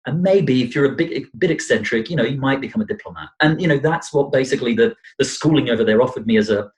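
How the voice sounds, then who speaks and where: A man's voice: mid-range voice, quick pace, poor audio. Brazilian-born man, self-deprecating and rambling. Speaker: podcast guest, financial planner. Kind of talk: conversational interview.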